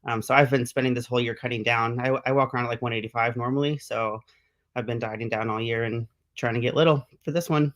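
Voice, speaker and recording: A man's voice: medium pitch, fairly even intonation, fast talker, fairly bright tone. Athlete guy on a video call, laid back, matter of fact, chuckles now and then. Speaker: pro strongman athlete, guest. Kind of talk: casual interview chat.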